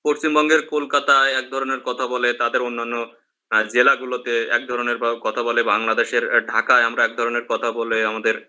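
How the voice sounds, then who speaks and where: A man's voice: medium pitch, flat delivery, a little fast, pushed and bright, highs cut off. A man from Bangladesh, a teacher giving a class lecture and checking in with his students through questions.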